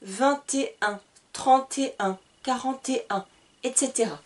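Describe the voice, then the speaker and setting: Very slow, high-voiced teacher woman. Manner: slow, deliberate, over-articulated teaching. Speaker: French teacher. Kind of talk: slow classroom lesson at a whiteboard.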